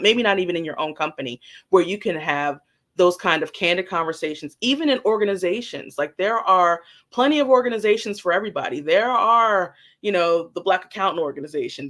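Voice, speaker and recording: A guest telling a personal work story candidly and animatedly, swearing casually. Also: medium pitch. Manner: animated, acts out quoted dialogue, swears casually.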